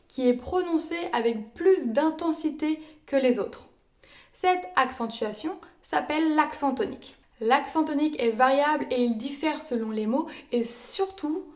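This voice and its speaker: A young woman whose first language is French walks through a language lesson, her voice sitting high. She explains each point clearly and carefully from a script, pausing to say example words aloud. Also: darkish tone. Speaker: language learner teaching Italian.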